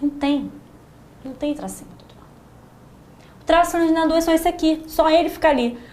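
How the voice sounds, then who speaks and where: High-voiced Brazilian woman teaching, roomy echo. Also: brisk. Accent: Brazilian Portuguese. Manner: lively, acts out students' questions in mocking voices. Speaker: writing teacher. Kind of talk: classroom lecture.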